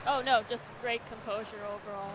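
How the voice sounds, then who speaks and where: High-voiced woman giving hockey analysis. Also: steady tone, a little fast, fairly bright tone, a little hiss or hum, rough recording. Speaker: color commentator. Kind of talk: conversational sports analysis.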